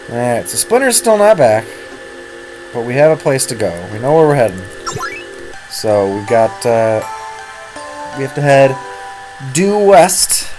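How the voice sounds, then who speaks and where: A man talking through a role-playing game in a loose, chatty way, often restarting his sentences. His throat is sore from doing character voices and he coughs now and then. Game music plays clearly behind him. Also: mid-range voice. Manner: chatty, rambling, self-correcting. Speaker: let's-play host. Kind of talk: casual gameplay commentary.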